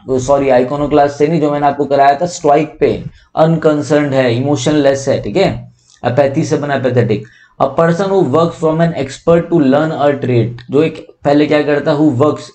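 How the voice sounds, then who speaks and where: A young man teaching English vocabulary for exam prep. He explains in Hindi with English terms mixed in, reads definitions slowly, spells words out letter by letter and asks rhetorical questions. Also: medium pitch, a little mellow.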